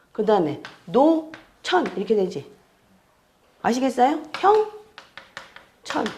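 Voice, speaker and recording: Lively, questioning woman lecturer. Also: fairly high pitch. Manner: keeps checking students with quick questions; explains step by step and repeats key terms. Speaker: fortune-telling astrology teacher. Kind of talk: classroom lecture.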